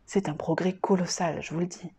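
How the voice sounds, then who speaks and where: Calm probing psychiatrist, read by a woman. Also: on the low side, breathy edge. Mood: reassuring. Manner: measured, questioning, calm. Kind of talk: audiobook character reading.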